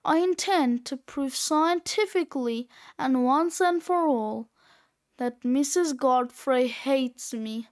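A woman plays a smug, scheming sixth-grade boy in a storybook reading. His voice is high and full of sarcastic wisecracks. He talks at a slow, measured pace.

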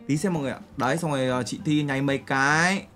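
A man's voice: mid-range voice, rapid-fire, fairly bright tone, soft background music. A young man streaming, chatting casually with viewers in a brash, joking way full of crude slang while he reacts to photos and clips.

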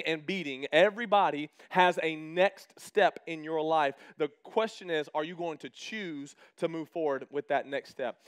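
Man, pastor, high-pitched voice, lively sermon, calls out to the crowd, slows for emphasis, church hall. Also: clear, resonant tone. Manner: lively preaching with call-outs to the congregation; slows down to stress key phrases.

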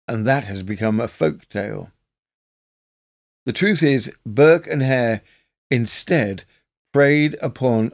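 A man narrating a scripted history episode in a measured, documentary-style reading. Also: medium pitch, darkish tone.

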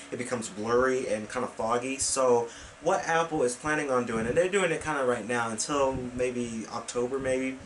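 Sitting indoors at the computer desk in his small bedroom, a young vlog host chats casually to the webcam for his weekend vlog. The recording is rough with slight background noise, and his voice is medium-pitched and a bit bright. He gestures with his hands and rambles, full of fillers and restarts.

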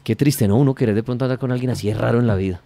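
A man's voice: mid-range voice, rapid-fire, vocal fry, dark tone. A man with a Colombian accent hosting a radio call-in, questioning in a probing, sarcastic way. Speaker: radio host.

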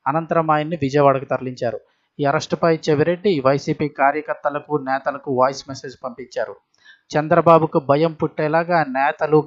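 A man reads scripted news narration as a channel's narrator. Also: on the high side. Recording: dull, band-limited lo-fi audio.

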